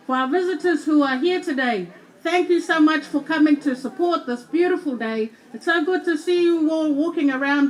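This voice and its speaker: Lady with a high voice welcoming visitors, laughing warmly. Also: rough recording. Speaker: event speaker. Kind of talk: welcome speech.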